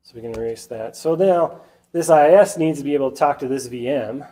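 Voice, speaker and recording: A man's voice: medium pitch, fairly quick, dark tone. A man with a stuffy, nasal voice from a sinus cold, giving a casual whiteboard tech talk to a user group and often checking in with the audience. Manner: chatty, keeps asking the audience "right?".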